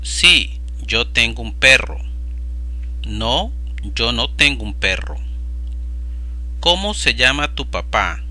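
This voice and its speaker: A man with a mid-range, sing-song voice and a sharp tone teaches Spanish in a voice-over over slides. He reads practice phrases aloud one at a time in a slow vocabulary drill, enunciating each with careful pronunciation.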